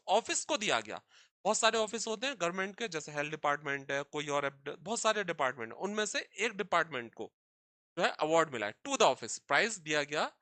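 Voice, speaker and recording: A man teaching English grammar in Hindi, reading example sentences slowly and translating them piece by piece. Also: high-pitched, bright, forceful tone, no echo.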